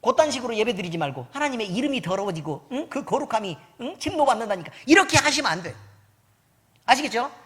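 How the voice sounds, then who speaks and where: Woman preaching a sermon, fairly high voice, animated, bouncy intonation, playful teasing, keeps asking the congregation questions. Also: fast talker. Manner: asks the congregation constant quiz-like questions; teasing, conversational. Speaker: pastor. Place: church service.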